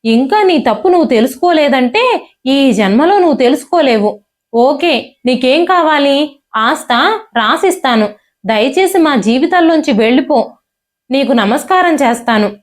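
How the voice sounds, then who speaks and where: A woman voicing an angry young husband who pleads and shouts in a Telugu audio story. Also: high voice, lively intonation, moderate pace. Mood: furious. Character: angry young husband defending his wife.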